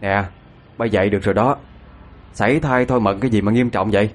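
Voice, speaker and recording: A man's voice: lowish voice, steady tone, quick pace, close to an everyday voice. A man voicing a harsh older mother-in-law who scolds with contempt. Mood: scornful.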